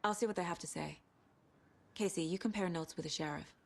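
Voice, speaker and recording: A woman's voice: lowish voice, brisk, gravelly. A woman playing a composed, courteous federal agent in a video game. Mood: calm, professional. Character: composed, courteous female FBI agent investigator. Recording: faint background ambience noise.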